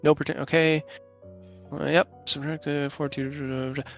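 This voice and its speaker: Acting as game master for a tabletop role-playing game, a man with a bright, fairly high voice keeps a level tone. His narration is improvised, his rule explanations informal and halting, and faint music sits in the background.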